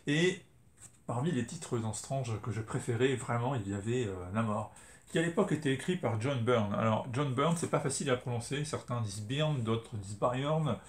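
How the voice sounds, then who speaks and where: A man's voice: medium pitch, brisk. A middle-aged man from France, casually reviewing comics as a video host, chatty with many fillers and self-corrections. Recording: roomy echo, faint ambient noise.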